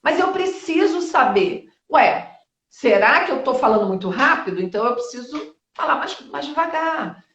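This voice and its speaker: A woman in her fifties speaking as a guest in a live-stream interview, lively and blunt, with quick asides and the odd swear word. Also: sits high, roomy sound. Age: 50s. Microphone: video call.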